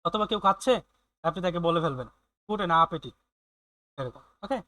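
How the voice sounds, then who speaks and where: A man teaching German in an online class, explaining slowly with many fillers and often checking in with his students. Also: high-pitched, expressive, fairly bright tone, no room sound.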